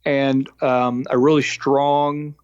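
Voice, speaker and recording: A man from New York with a faint New York accent, a lean coach talking as a podcast guest in a halting way, full of fillers and restarts. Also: medium pitch, flat delivery, a little mellow, clean tone, no room sound, highs cut off. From New York, United States. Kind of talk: casual interview talk.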